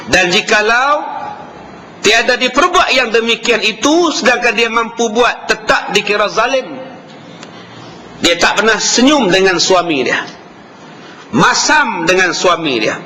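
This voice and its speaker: A man with a Malaysian Malay accent giving a lively religious lecture, acting out quarrels between husbands and wives. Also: sits high, a little hiss or hum. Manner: animated, acts out quarrels between spouses. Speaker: preacher. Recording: hall reverb with faint ambience.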